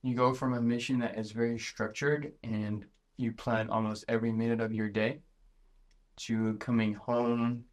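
A man in his twenties from the Netherlands, a guest introducing himself shyly with soft pauses. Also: medium pitch, level tone. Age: 20s. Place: sitting room with other guests.

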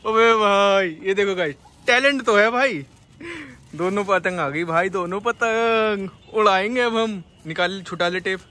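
Young male vlogger, high bright voice, unhurried, excitable, laughing, phone mic outdoors. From India. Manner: excitable, laughing, urging a friend on. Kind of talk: casual vlog commentary. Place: rooftop outdoors in a city. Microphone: phone camera held by the speaker.

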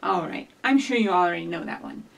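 A middle-aged woman with a fairly low, creaky voice presents storytime at a brisk, expressive clip. She's a children's librarian addressing young children directly and encouragingly as she talks and reads aloud. The setting is a small indoor office with shelves, recorded from a distance.

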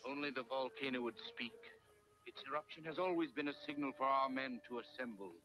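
A man's voice: mid-range voice, fairly quick, close to an everyday voice, low-quality recording. An actor playing a male henchman and warrior in a 1940s film serial, with stiff, declamatory delivery. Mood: tense.

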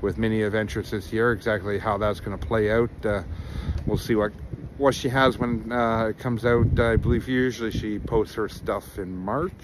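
With a phone stretched out at arm's length, a middle-aged man vlogs along a winter trail, earnest and meandering, full of ums and uhs. He speaks in a lowish, steady voice at a moderate pace against a noisy background.

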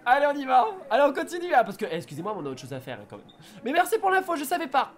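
A man's voice: extremely high pitch, huge pitch swings, racing. A man chatting and joking with viewers while streaming a dating game. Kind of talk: casual live-stream commentary.

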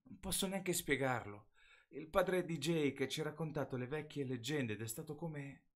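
A man's voice: fairly high pitch, normal speed, pitched above the performer's own voice, lightly acted. A man voicing an anxious teenage girl, breathless and urgent. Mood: earnest.

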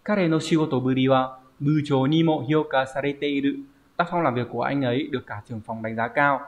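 A man's voice: mid-range voice, steady tone, a little fast. A man teaching a Japanese vocabulary lesson online, explaining step by step and often checking with "right?". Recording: dull lo-fi recording.

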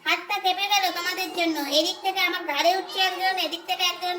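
Fast and flat in delivery, this woman's very high-pitched, sharp voice fills a casual pet vlog recorded at home. She addresses her viewers and sweet-talks her cats in baby talk, over a slight hiss or hum.

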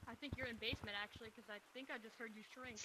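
A woman's voice: on the high side, fairly even intonation, very fast, background noise. A woman chatting casually with a fellow player in an online game. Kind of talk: casual chat over game voice chat.

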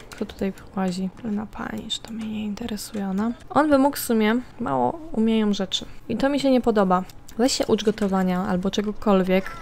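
A woman talks through her game in a relaxed, chatty way. She often turns to the viewers and bosses her characters around. Her voice sits in a middle pitch, with a faint hiss of background noise under it. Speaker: gameplay commentator. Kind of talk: casual let's-play commentary.

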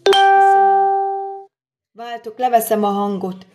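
A woman's voice: a little high, music in the background. A middle-aged woman chatting on a live stream while cooking in her daughter's kitchen, answering and thanking viewers as she works. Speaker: livestream host. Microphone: phone camera.

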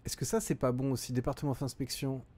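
Middle-aged man, game streamer, mellow voice, hesitant thinking aloud, chatty. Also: mid-range voice, level tone, fast. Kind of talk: live gameplay commentary reading chat.

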